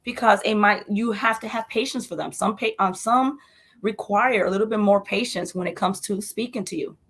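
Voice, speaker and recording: Mom talking earnestly in an interview, emphatic, repeats words a lot. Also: female voice, medium pitch, normal speed, fairly bright tone. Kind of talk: interview conversation.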